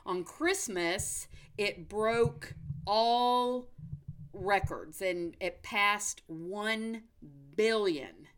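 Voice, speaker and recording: A woman's voice: mid-range voice, very slow, fairly bright tone, clear, resonant tone. An American woman hosting a casual movie news chat in an upbeat, chatty, folksy way. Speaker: movie podcast host.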